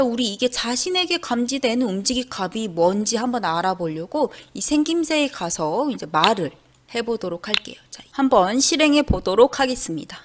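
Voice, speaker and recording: A woman teaching a coding lesson to schoolchildren, walking through each step patiently and starting her sentences with a prompting "ja". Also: medium pitch. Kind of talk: screen-recorded coding lesson.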